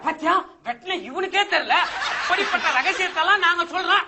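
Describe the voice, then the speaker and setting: A man's voice: extremely high pitch, fairly quick, a crowd in the background, background noise. An actor playing the bride's father in a sketch comedy, bantering and cracking jokes. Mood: teasing. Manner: jokey, bantering. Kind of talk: Tamil TV sketch comedy acting.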